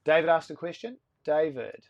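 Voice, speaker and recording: A man of about forty, a sailing charter boss talking as a guest in a casual live-stream interview, a lively storyteller who talks in quick bursts. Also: on the high side, muffled recording, slight background noise.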